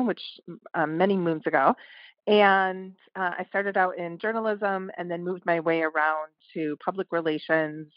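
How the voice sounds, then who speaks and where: Her lowish voice comes through muffled but with no echo as this publishing house owner chats on a casual podcast interview. As a guest, she is reflective and conversational, with occasional fillers.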